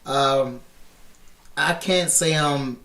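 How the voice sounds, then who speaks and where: A man in his thirties from Chicago, a podcast guest talking candidly in a relaxed interview. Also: on the high side, drawn-out words, reverberant. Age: 30s. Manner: candid and animated, often says "you know what I'm saying". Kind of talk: casual interview talk.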